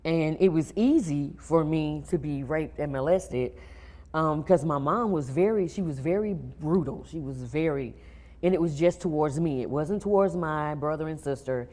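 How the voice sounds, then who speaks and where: A woman guest tells her story on a talk show, speaking quietly and haltingly. Her voice is low and mellow. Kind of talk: personal testimony interview.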